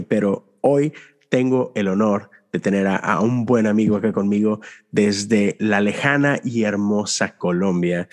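Low-voiced Mexican podcast host. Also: male voice, darkish tone. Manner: friendly, rambling, frequent fillers and restarts. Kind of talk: casual conversational interview.

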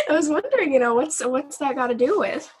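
A woman's voice: high-pitched, very animated, normal speed, fairly bright tone. A woman co-hosting a casual chat, giggly and hesitant.

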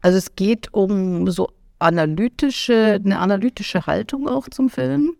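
Female podcast host, calm and curious, gravelly timbre, dry close mic. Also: medium pitch, measured pace, no echo. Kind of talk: interview questions.

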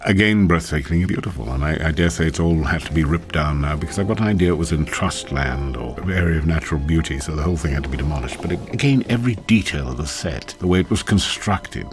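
A man giving film commentary, praising the set with emphatic admiration. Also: a bass voice.

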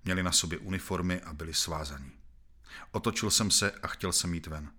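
Male audiobook narrator, deep and forceful, measured and grave. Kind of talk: audiobook reading of a novel.

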